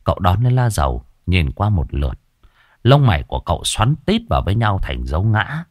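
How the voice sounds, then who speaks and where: A man tells a story with a low voice that rises and falls vividly as he goes. His delivery is expressive and animated. The recording is dry and close. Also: brisk, dry recording. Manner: lively, expressive telling. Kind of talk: story narration.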